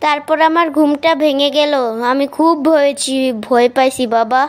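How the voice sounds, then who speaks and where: A woman's voice: high voice, steady tone, normal speed, lightly acted. A woman voicing an earnest young boy in a children's cartoon, answering politely and sometimes frightened. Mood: scared.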